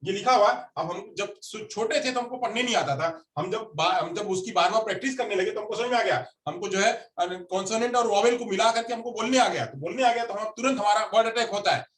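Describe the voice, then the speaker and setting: Man, teacher, classroom lecture, repeats phrases, quizzes the class, high voice, roomy distant recording. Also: brisk, few pauses, a bit bright.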